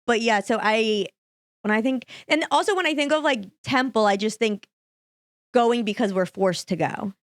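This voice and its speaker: A woman's voice: on the high side, moderate pace, no echo, studio quality. A young woman guesting on a podcast, chatting playfully with lots of "like.". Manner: playful, peppered with "like". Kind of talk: casual chat. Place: studio.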